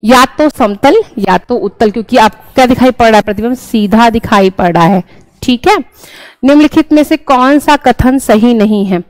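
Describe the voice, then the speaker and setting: A woman's voice: fairly high pitch, moderate pace, darkish tone, no room sound, rough recording. A young woman teaching an exam-prep class, explaining each answer step by step and often checking in with her listeners. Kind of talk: exam-prep lesson, solving questions.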